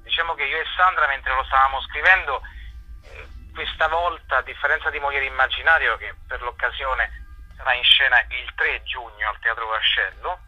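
An actor and director appears as a guest in an informal interview, his medium-pitched voice carrying a breathy edge over lo-fi sound. Expressive and halting, he makes his explanations with homely examples.

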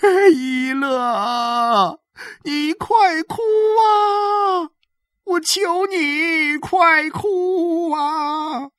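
A woman voicing a desperate village woman who begs and weeps, with drawn-out wailing pleas. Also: very high-pitched, fairly bright tone, no echo, studio quality, pitched above the performer's own voice, heavily acted. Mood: tearful pleading.

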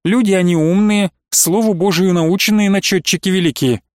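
A man's voice: sits high, fairly even intonation, normal speed, no room sound, studio quality, voice pushed up, natural voice. A man voicing a grieving, pious old nun who laments and pleads tearfully. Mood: mournful. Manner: lamenting, sing-song pleading.

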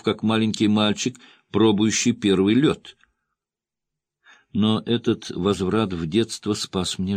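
A man with a very low, deep voice narrates a first-person crime story at a steady, measured pace. He lifts his tone slightly for the characters' lines. The recording is close and dry, with no room sound. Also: no echo. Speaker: audiobook narrator.

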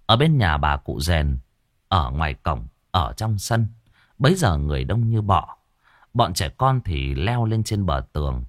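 A man narrating a ghost story in a dramatic, expressive way. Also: low voice, no room sound, studio quality.

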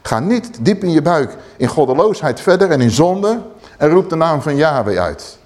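A man preaching a sermon, animated, swinging between loud exclamations and low emphatic asides. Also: normal speed.

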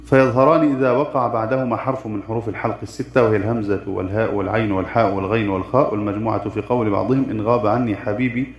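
Male recitation teacher, low voice, formal verse-then-explanation delivery, echoey dull recording. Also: fairly even intonation. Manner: chants verses then explains them in measured formal tones. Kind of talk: lesson explaining a didactic poem.

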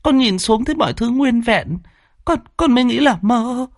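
A man's voice: very high voice, lively intonation, normal speed, no room sound, studio quality, voice pushed up. Man voicing teen girl, frightened, stammering, storybook horror. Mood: fearful. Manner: stammering, pleading.

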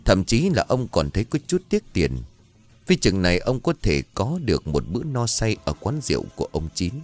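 Give me a deep-voiced man narrating a spooky tale expressively, with lively pitch. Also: normal speed, soft background music. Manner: expressive, dramatic reading. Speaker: storyteller. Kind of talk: ghost story narration.

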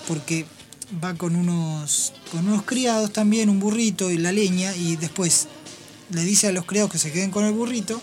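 A woman hosting a radio program, retelling Bible passages in an explanatory, storytelling way with pauses and restarts. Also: medium pitch, darkish tone. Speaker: radio host. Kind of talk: radio talk on Bible stories.

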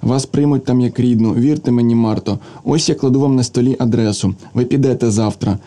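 A man voicing a gentle, hopeful young man who speaks earnestly and tenderly, consoling a girl. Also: mid-range voice, brisk, lightly acted.

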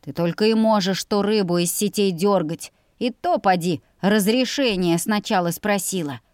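A woman's voice: mid-range voice, normal speed, a little mellow, no echo, clean studio sound, close to an everyday voice. A woman voicing a crude, greedy teenage older brother who sneers and threatens. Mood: scornful. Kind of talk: audiobook character voice.

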